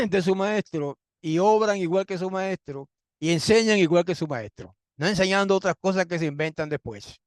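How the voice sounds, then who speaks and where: Male Bible teacher, fairly high voice, dry recording; insistent sermon delivery with rhetorical questions, repetition and throat clearing. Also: dry recording. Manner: frequent throat clearing, rhetorical questions, repeats points for emphasis.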